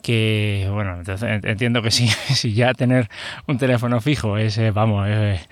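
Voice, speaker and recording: A man's voice: on the low side, steady tone, moderate pace, dry recording. A middle-aged man with a Spain Spanish accent hosting a podcast alone. He talks casually and rambles, with many hesitations and self-corrections. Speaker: podcast host. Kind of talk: casual solo podcast talk.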